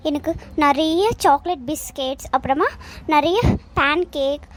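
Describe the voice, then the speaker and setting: Eager cartoon kid, a woman voicing, slow, high-pitched. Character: second cartoon child wanting sweets.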